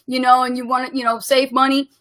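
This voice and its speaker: Upbeat lady cohost on a webinar, high voice, laughs a lot, pushy motivational talk. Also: level tone, fast, a bit bright, echoey room. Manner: upbeat, emphatic, laughs often. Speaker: co-host of online business webinar.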